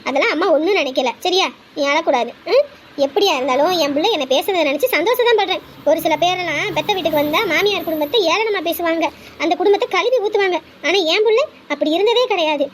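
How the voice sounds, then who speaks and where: A woman's voice: very high-pitched, lively intonation, fast, slight background noise. A middle-aged woman acting a soothing, motherly part in an amateur family drama. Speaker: actress playing a mother.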